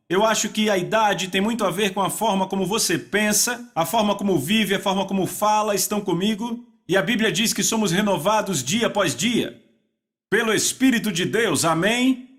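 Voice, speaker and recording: Preacher, male, high-pitched, call-and-response delivery, drawn-out emphasis. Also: fairly bright tone. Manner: asks the audience to repeat words and answer back; slows down for weighty phrases. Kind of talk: dubbed sermon.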